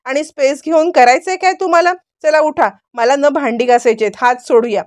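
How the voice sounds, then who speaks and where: Narrator lady doing a cross young wife, high voice, dry sound. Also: moderate pace, dry recording, lightly acted. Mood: annoyed. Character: young wife, sharp and scolding.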